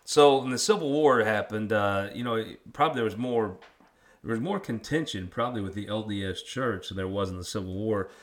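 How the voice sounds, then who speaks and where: A lower-pitched man with a rural drawl hosts a history chat. He is folksy and quick to poke fun at himself, talking casually as he asks questions. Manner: folksy, self-deprecating. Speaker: interviewer and host. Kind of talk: casual local history interview.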